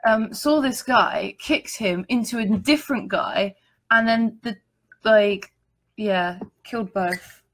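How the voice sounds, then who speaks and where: A woman's voice: mid-range voice, fairly bright tone, low-quality recording. Playful woman in casual chat. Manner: quick playful interjections, teasing. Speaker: artist and streamer.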